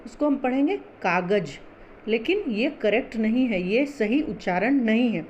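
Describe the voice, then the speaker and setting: A woman teaching a Hindi class, explaining pronunciation slowly and patiently, spelling out sounds syllable by syllable. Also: fairly high pitch, expressive, darkish tone, muffled recording, slight background noise.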